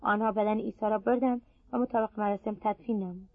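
Woman reader, scripture reading, even and unhurried, dry muffled recording. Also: mid-range voice, no room sound. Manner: steady, measured reading pace.

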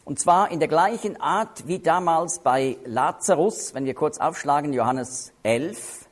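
A man teaches through Bible passages in a sermon style, his fairly high voice unhurried. He is emphatic and expressive, shifting his pace and loudness to stress his points.

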